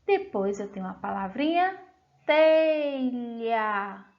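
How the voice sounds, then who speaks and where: A Brazilian woman teacher with a Brazilian accent, slowly walking young children through a lesson in a sing-song way. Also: sits high, very animated, dull audio. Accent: Brazilian Portuguese. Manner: slow, sing-song teacher talk, drawing out words. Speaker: first-grade teacher.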